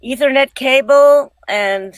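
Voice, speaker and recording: A woman, a voice actor, chatting casually on a video call from inside a clothes closet, relaxed and chatty with fillers and restarts. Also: high voice, takes it slowly, no echo.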